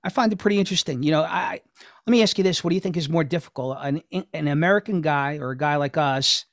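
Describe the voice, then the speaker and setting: A man's voice: fairly high pitch, fast talker, no echo, studio quality. A man from New York co-hosting a podcast, chatting casually, agreeable and asking questions. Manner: agreeable, asks questions, many fillers. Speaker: podcast co-host. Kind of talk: casual chat.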